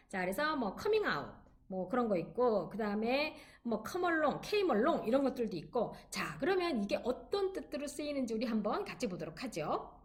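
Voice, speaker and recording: A woman teaching an online English class, her voice sitting fairly high and moving a great deal in pitch. She encourages her students and slows down to drill phrases for them to repeat. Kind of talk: online lecture.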